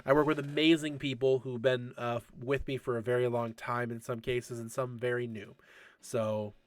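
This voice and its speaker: A man's voice: medium pitch, flat delivery, moderate pace, no echo. Chatty man in his thirties hosting a stream. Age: 30s. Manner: chatty, answers chat questions, laughs often. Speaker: esports league host. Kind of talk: casual livestream Q&A.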